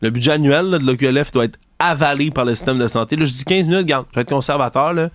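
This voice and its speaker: In clean, echo-free studio sound, a commentary host with a Québécois French accent races through an indignant, sarcastic rant about a news item. He mimics his opponents in high voices, keeping the opinion segment heated.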